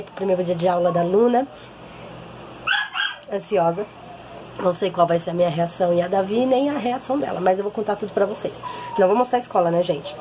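A woman's voice: medium pitch, background noise. A woman, chatting casually to viewers as a vlogger mother, emotional and often asking for agreement, recorded on a handheld phone at home and while walking outside. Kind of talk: casual vlog chat to viewers. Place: home, then walking outdoors on a street.

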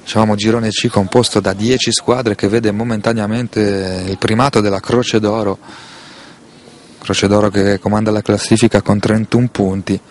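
A man with an Italian accent giving live football play-by-play in a measured, detailed way, sometimes correcting himself. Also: on the low side, level tone, slight background noise. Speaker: football commentator. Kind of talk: live play-by-play match commentary.

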